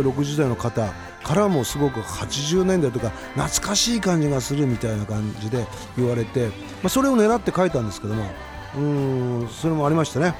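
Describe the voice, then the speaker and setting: Lively-voiced man in his fifties hosting radio. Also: a little high. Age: 50s. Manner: rambling, chatty storytelling. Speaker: radio host. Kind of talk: casual late-night radio talk.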